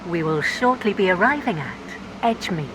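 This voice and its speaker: This is a woman's automated train announcement, stitched together from separately recorded words. Her pitch jumps noticeably from one clip to the next. Heavy train noise runs constantly underneath. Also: animated, normal speed. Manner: evenly paced, clipped station names dropped into set phrases. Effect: automated announcement spliced from separate recorded words. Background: rumbling moving train.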